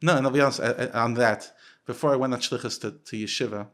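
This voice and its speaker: A man from the United States, a rabbi, talking casually as a podcast guest, restarting and repeating words as he goes. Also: quick pace. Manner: animated, lifts his pitch sharply when quoting others.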